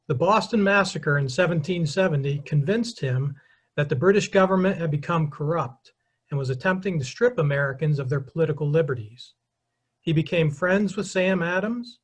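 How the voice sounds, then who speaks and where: A middle-aged man giving a brisk history lecture with slides, addressing the audience directly and explaining clearly. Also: on the high side.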